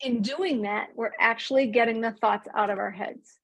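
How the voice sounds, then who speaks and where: A woman teaching an online mindfulness class, speaking calmly and drawing out key words slowly. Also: a little high, vocal fry, low-quality recording. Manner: calm, slows and stretches key words. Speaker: mindfulness coach.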